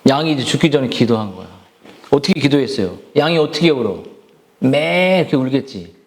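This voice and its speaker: A man preaching a sermon in a church, telling a story in an animated way and asking the listeners questions. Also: medium pitch, a little fast. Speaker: pastor. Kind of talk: sermon for children and adults.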